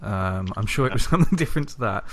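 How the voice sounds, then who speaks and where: A man's voice: fairly low pitch, expressive, fast, a bit bright. A man hosting a comics podcast, joking and laughing often in casual chat. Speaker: podcast host.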